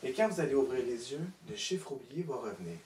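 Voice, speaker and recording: A man working as a stage hypnotist, giving slow repeated suggestions and hushing sounds. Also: mid-range voice, very animated, slight background noise. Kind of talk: hypnosis demonstration. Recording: echoey room, distant mic.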